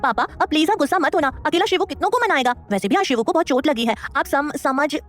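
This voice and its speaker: A woman's voice: high voice, animated, quick pace, soft background music, voice pushed up. A woman voicing a clever, sweet little boy who pleads and wheedles in an audio story. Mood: childlike. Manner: childlike, wheedling.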